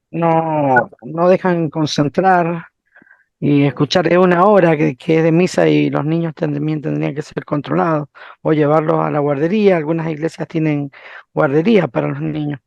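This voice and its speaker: A woman student giving her opinion slowly in an online class discussion. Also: deep voice, creaky, darkish tone, dry recording, dull audio.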